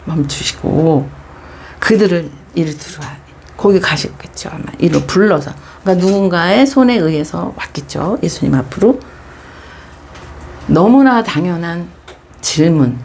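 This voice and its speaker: Expressive Korean woman pastor, lowish voice. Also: slight background noise. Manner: expressive storytelling, acting out quoted lines, dropping to whispers. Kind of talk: Bible devotional sermon.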